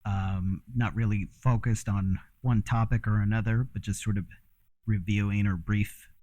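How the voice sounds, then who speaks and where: A man's voice: on the low side, little pitch movement, normal speed, dark tone. A man who grew up in Mexico, talking in a rambling, frank casual monologue with frequent fillers and the odd curse. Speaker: host.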